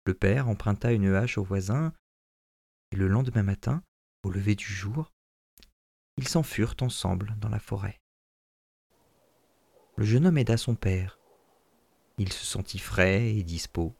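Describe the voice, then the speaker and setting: A man who hosts a storytelling podcast, reading a fairy tale aloud in an expressive, lively way. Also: on the low side, a little slow, gravelly, pauses often, breathy edge, no room sound. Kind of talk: storybook narration.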